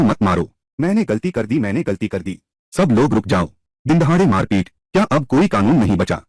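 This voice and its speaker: A man's voice: on the low side, a little mellow, no room sound. A man reading all the parts of a dubbed drama in one voice, switching between scornful taunts and pleading.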